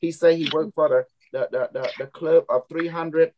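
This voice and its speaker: A man's voice: a little high, steady tone, a little fast, highs cut off, heavy background noise. A man with a Cambodian accent and non-native English talking casually to his followers as a trainer, often repeating words and using loose grammar. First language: Khmer. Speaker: trainer and group leader. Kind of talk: casual live talk to followers.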